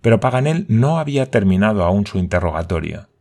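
A man reading a novel aloud as a narrator, in a steady, measured way. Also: on the low side, gravelly. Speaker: audiobook narrator. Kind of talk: scripted narration.

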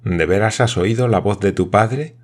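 A man voicing a calm, patient nobleman in an audiobook, asking measured questions. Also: on the low side, lightly acted. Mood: calm grave.

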